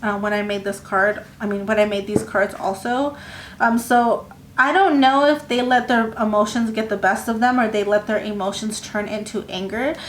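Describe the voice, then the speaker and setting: A woman giving a casual tarot reading, talking in a rambling, halting way with many fillers and restarts. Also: medium pitch, steady tone, slight background noise. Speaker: tarot reader. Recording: echoey room with faint ambience.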